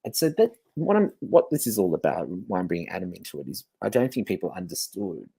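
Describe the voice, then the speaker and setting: Deep husky guy hosting, rambling confessional talk, dry close sound. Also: big pitch swings, fast talker, warm tone, no room sound. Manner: candid, rambling, swears freely. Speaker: host. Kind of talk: confessional monologue.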